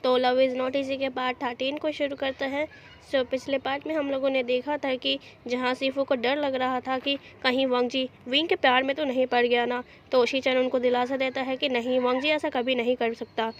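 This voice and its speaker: A woman's voice: sits high, a bit bright, highs cut off. A woman retelling a fanfiction story in a chatty, casual way, with her own asides.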